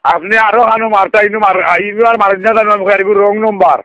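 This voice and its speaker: On a muffled, dry, lo-fi phone line, a man with a Sylheti accent argues as the call recipient. His voice sits high and holds a steady tone at a quick pace with no echo as he protests again and again, clearly exasperated.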